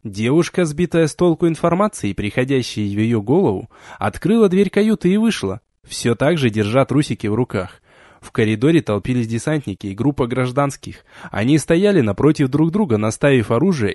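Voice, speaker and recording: A man reading an adventure novel aloud as an audiobook, in an expressive storytelling way. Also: mid-range voice, brisk, no room sound, studio quality. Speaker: audiobook reader. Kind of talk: audiobook narration.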